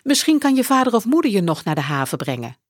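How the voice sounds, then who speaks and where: A woman voicing a kind, middle-aged male school principal, speaking low and calmly in a storybook reading. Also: fast talker, no echo, studio quality. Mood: kindly.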